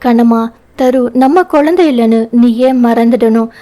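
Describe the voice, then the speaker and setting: A woman's voice: a little high, moderate pace, lightly acted. A woman reading the part of a young husband in an audio novel, teasing and tender by turns. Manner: playful teasing, turns soft and pleading.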